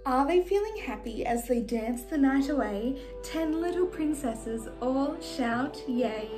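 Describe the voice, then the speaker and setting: A young woman playing a sweet, gracious fairy-tale princess, reading in an animated, sing-song way for small children. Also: high-pitched, measured pace. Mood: sweet storytelling. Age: young adult. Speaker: children's party entertainer reading a storybook. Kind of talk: children's storybook reading in character. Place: small decorated room indoors. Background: music.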